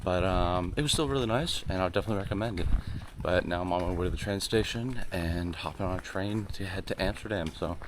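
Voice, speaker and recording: A man's voice: sits low, fast talker. A young man from Canada, talking casually on a travel vlog with many fillers while walking outdoors. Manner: relaxed, rambling with many fillers. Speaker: travel vlogger. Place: city streets outdoors. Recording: noisy outdoor street recording.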